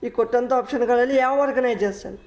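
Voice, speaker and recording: A man's voice: very high-pitched, a little mellow. A man teaching an exam-prep lesson, repeating points and reading English questions out word by word. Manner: slow, repetitive, reads English questions word by word. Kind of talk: classroom-style exam lecture. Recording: echoey room.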